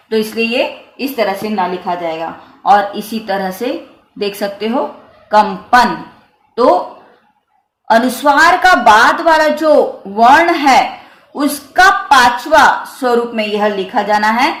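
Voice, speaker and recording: In an echoey room, a woman teaching Hindi walks through a grammar lesson on the script's letters. She speaks at a very slow pace, slightly high and somewhat bright, patiently going over every example more than once.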